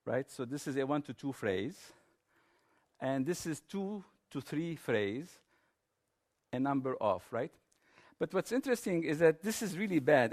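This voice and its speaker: A man giving a technical conference presentation in an informal, explanatory manner. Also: medium pitch.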